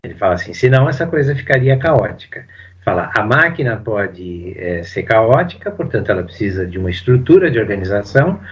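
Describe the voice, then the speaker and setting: A man, a psychoanalyst, giving a casual spoken seminar commentary, animated and full of fillers. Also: lowish voice, brisk, muffled recording. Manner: animated, uses lots of fillers and acts out quotes. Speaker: psychoanalyst teaching Lacan.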